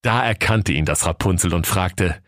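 A man with a northern German accent narrating a comic fairy tale in a lively, playful way. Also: low voice, normal speed, dry recording, clean studio sound. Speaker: storyteller.

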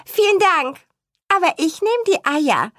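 A woman voicing a cheeky, show-off little girl who talks in a shrill, snippy way. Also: sing-song, a little slow, a bit bright, no room sound, studio quality, exaggerated voice.

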